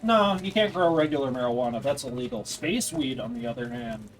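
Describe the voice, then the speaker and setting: A man's voice: medium pitch, lively intonation, brisk, far from the mic, slight background noise. A man hosting a game stream, joking, rambling and swearing casually. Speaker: stream host. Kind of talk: casual gaming commentary. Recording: stream mic with faint game music.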